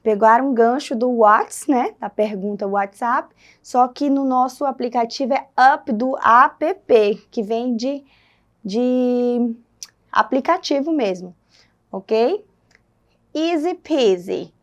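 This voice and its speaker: Brazilian teacher lady, highish voice, slow careful explaining w lots of questions. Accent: Brazilian Portuguese. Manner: explains slowly, asks the class questions. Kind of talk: recorded classroom lesson.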